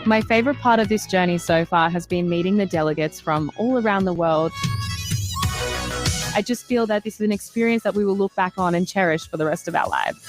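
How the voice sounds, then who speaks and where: A 28-year-old woman from Australia introducing herself sincerely as a pageant contestant. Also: on the low side. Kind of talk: recorded self-introduction.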